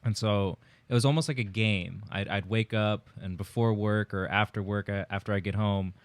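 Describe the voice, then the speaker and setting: A young man talks easily in a low, smooth voice, spinning stories with his housemates on a casual podcast. The sound is close and dry, with no room around it. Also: fairly even intonation, normal speed, no echo. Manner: storytelling, laid-back, swears casually. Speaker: podcast co-host. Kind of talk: casual chat. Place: shared house.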